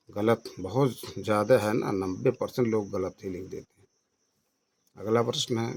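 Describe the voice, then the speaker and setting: A man with a low, gravelly voice working through exam questions one after another. He reads the options in turn, then names the answer. He often slows down to repeat a word several times so its spelling sinks in. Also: a little mellow. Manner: reads each option aloud then states the answer, repeating key words; slows down to drill correct spellings. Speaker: exam coaching teacher. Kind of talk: exam question review lesson.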